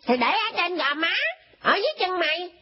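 An actress playing a sharp-tongued little village boy who talks back. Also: very high-pitched, expressive, a little fast. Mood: cheeky. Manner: talks back, smart-alecky. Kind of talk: comedy skit acting. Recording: dull lo-fi recording.

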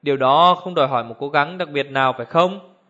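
A man voicing an elderly male judge who speaks in a cold, clear, measured way, on a dull lo-fi recording. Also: a little high, bright, forceful tone. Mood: cold, deliberate. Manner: measured, icy authority.

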